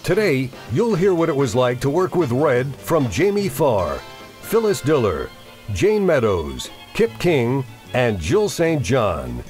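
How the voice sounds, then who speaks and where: A man's voice: mid-range voice, wildly swooping pitch, takes it slowly, darkish tone. A man reading an infomercial script as a hard-sell ad announcer, with an emphatic promotional delivery over music.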